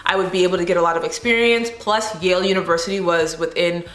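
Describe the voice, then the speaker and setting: A woman's voice: on the low side, fairly even intonation, fast talker. Young woman with slight retainer lisp, roomy echo. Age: 20s. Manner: chatty, frequent "like" and quoted asides. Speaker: vlogger. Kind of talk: casual storytelling vlog. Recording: roomy, echoey sound.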